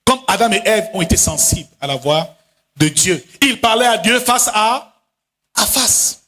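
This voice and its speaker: A male pastor preaching a sermon in a chanting, sing-song style, now and then breaking into shouted lines and quickly acting out other voices. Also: high voice. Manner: acts out voices in quick asides. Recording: long hall reverb.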